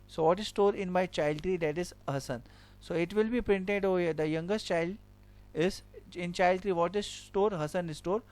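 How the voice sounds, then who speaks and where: High-voiced and darkish in tone, a man leads a coding tutorial captured from his screen. Each step of the code gets explained, then repeated with an "okay".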